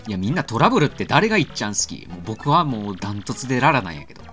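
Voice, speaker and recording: A man with a Kansai accent commentates on a game, joking crudely and getting excited. His voice is bright and swings widely in pitch. Game music plays faintly underneath. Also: rapid-fire. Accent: Kansai Japanese. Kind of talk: let's-play commentary.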